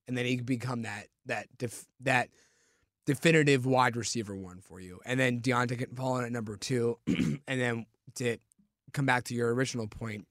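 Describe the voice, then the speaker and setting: A man's voice: mid-range voice, dry recording, studio quality. A man co-hosting a casual sports talk show, building his points with stammered restarts. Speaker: sports podcast co-host.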